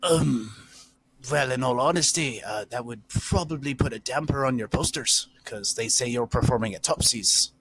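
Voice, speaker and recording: A man's voice: medium pitch, moderate pace, noisy background, close to an everyday voice. A man voicing a teenage innkeeper's son who talks in a blunt, matter-of-fact way. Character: teen innkeeper's son, brisk and cheeky.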